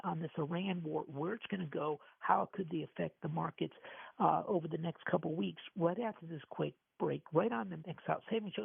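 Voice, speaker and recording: A man's voice: a little high, creaky, husky, no room sound. A man hosting a financial radio show, talking about the markets with many stammered restarts, taped off the radio. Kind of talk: call-in radio talk on markets. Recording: tinny lo-fi radio recording, dry.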